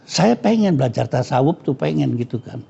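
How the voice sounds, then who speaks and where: A man's voice: medium pitch, big pitch swings, fairly quick, gravelly, dark tone. A man, teaching scripture as a cleric in a casual, joking and frank way. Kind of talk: casual religious study lecture. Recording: dull lo-fi recording.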